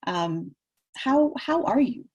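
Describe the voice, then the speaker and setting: A woman moderating a casual online interview in a gentle, attentive way, often repeating words as she feels out a question. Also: a little high, lively intonation, slow, breathy edge, lo-fi sound.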